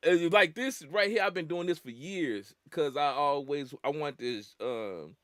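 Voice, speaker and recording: A man's voice: on the high side, unhurried, fairly bright tone, no echo, clean studio sound. A young man hosting a podcast in casual, slangy chat, often laughing as he talks. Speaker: podcast host.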